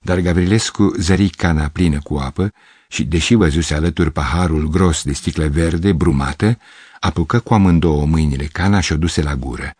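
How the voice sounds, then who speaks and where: A man narrating a literary story as an audiobook, measured and expressive. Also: very deep voice, husky, no room sound, studio quality. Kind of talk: audiobook reading.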